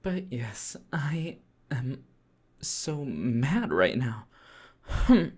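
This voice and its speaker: Sly, cheerfully cruel demon lord, played by a man; whispered role-play, slow drawling pace, mocking sing-song delivery. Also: medium pitch, expressive, a little mellow. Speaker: voice actor.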